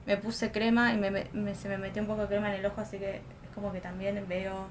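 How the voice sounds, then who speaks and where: Working through a makeup tutorial in a home room beside a lamp, this young adult vlogger talks casually and thinks out loud. Her medium-pitched voice moves briskly with little pitch variation, over a slight hiss or hum.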